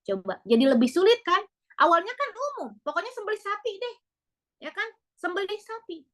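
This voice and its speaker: A woman preacher, telling a story in a sermon and asking lively rhetorical questions. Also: extremely high pitch, moderate pace. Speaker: female preacher.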